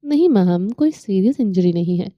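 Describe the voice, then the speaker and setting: Woman reading a calm, teasing young man, dark mellow voice, dry close sound, slightly dull audio, audio novel. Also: mid-range voice, no room sound, natural voice. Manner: playful, calm.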